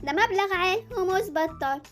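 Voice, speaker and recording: A woman doing a very high, cheeky Egyptian girl. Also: a little fast, over loud music. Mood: sing-song. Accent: Egyptian Arabic. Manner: sing-song, defiant, talks back. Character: cheeky stubborn young girl. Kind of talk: Roblox series voice acting.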